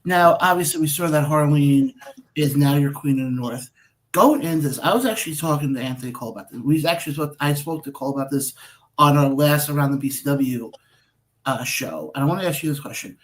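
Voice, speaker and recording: A man's voice: on the high side, brisk, rough recording. A man hosting a wrestling radio show, asking questions and telling stories in a chatty way. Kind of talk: casual interview talk.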